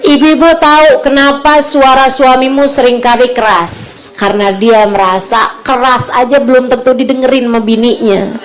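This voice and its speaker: Higher-voiced woman preaching to mothers. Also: normal speed. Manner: shifts from soft, hushed advice to lively raised storytelling. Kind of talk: Islamic sermon to mothers.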